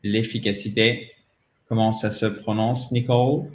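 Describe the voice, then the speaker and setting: A man with a French accent, a native French speaker, teaching English pronunciation in a patient way and repeating words slowly for drilling. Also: lowish voice, little pitch movement, roomy sound. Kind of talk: pronunciation lesson.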